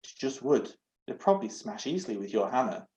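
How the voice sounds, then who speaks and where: A man's voice: mid-range voice, big pitch swings, brisk, a little mellow, lightly acted. A man voicing a blunt, sarcastic young woman adventurer with a dry, dismissive way of talking. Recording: echoey, dull home recording.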